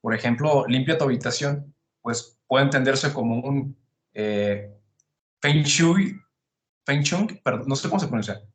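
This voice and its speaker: A man lays out his ideas in a relaxed, conversational way, often asking himself a question and then answering it. His voice sits at a middle pitch. The room around him has a noticeable echo. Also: moderate pace. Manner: thoughtful, builds arguments with rhetorical questions. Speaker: podcast host explaining psychology. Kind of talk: casual explanatory conversation.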